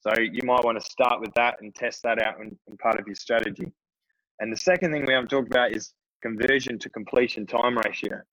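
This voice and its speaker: A little fast and with fairly even intonation, a business coach's medium-pitched, slightly bright voice casually instructs tradespeople on phone sales, full of fillers. The recording is dry and low quality.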